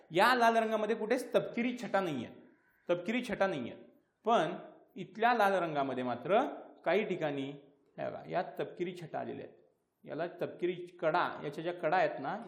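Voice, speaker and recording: A high-pitched male teacher with a Marathi accent, drilling students through an exam-prep lesson. He poses questions and answers them himself, and he hammers home terms by repeating them. His voice rings in an echoey room.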